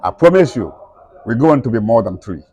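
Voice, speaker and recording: A man's voice: medium pitch, big pitch swings, brisk, a little mellow, breathy edge, no room sound. Emphatic man in broken English. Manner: emphatic, repetitive, in non-native broken English. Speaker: interviewee. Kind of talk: impassioned conversational speech.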